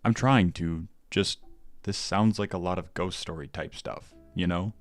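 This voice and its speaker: A man's voice: sits low, unhurried. A man doing a blunt skeptical boyfriend. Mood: reassuring. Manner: blunt, matter-of-fact. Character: skeptical young boyfriend, blunt, protective, gun-carrying.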